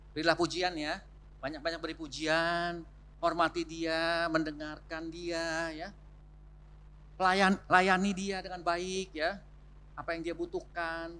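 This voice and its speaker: Guy giving a church couples talk, bright voice, chatty asides, slightly high. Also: a little hiss or hum. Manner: warm, conversational teaching with frequent rhetorical asides. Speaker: marriage seminar speaker. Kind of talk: church marriage seminar talk. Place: church hall.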